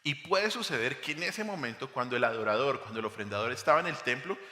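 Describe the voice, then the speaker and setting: A man preaches to his congregation with a bright, forceful voice, pressing his points with rhetorical questions. The sound rings with a long, roomy reverb from the church hall. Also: mid-range voice, lively intonation, fast talker. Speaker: pastor. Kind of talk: expository sermon.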